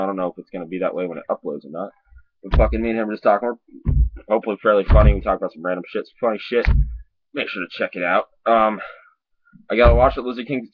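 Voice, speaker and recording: Male reviewer, lowish raspy voice, talking around a lip full of dip; loose, sweary, repetitive delivery, dry muffled lo-fi recording. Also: no echo. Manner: sweary, informal, halting and repetitive. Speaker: dip reviewer on a video channel. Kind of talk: casual rambling review to camera. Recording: dull lo-fi sound.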